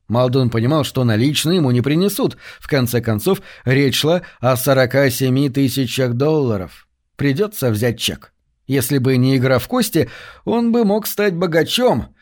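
A man narrating a short story at an even, measured pace. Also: medium pitch. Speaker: audiobook reader. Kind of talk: scripted narration.

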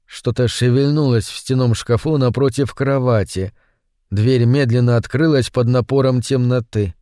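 A man narrating a scripted horror story in a measured, suspenseful way. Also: mid-range voice, steady tone, mellow, smooth, no echo, clean studio sound.

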